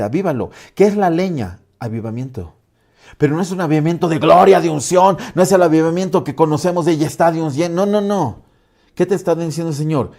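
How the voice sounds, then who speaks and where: A man preaching a sermon as pastor, swinging from loud bursts to hushed lines and acting out doubting voices. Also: fairly high pitch. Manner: acts out doubting voices in quotes.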